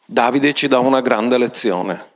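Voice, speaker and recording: A man preaches a sermon with an ordinary mid-range voice. He retells scripture as a story and adds his own commentary, pushing his pitch up to drive each point home. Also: measured pace, fairly bright tone. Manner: emphatic, often rising in pitch for stress.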